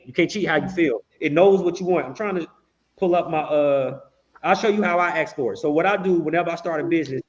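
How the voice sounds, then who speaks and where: A man's voice: mid-range voice, muffled recording. A man hosting a casual livestream chat, talking emphatically and repeating himself as he restarts his sentences. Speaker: livestream host.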